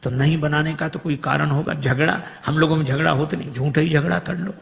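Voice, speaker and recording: Man, religious storyteller, sermon, animated dialogue voices, gravelly. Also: on the high side, fairly quick, a little hiss or hum. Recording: long hall reverb.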